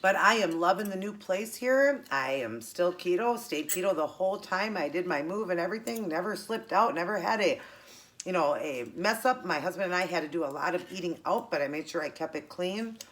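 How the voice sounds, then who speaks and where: A middle-aged American woman with a tongue piercing hosts a keto eating show, chatting casually to viewers and pausing to chew as she eats. Her voice is fairly low, animated and fairly bright in tone.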